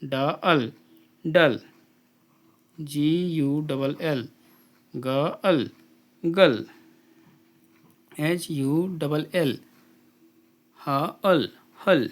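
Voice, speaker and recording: A man teaching an English phonics drill, spelling out letters and blending each sound slowly with repetition. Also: fairly high pitch. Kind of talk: slow phonics drill lesson.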